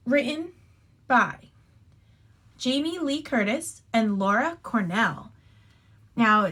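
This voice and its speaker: With a medium-pitched voice, a woman teacher reads a picture book to young children. Her reading is expressive and instructive, sprinkled with casual asides.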